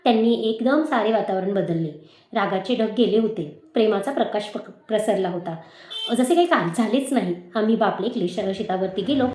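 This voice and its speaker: A woman teacher reading a moral story aloud in a measured, expressive manner. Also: medium pitch. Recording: echoey room.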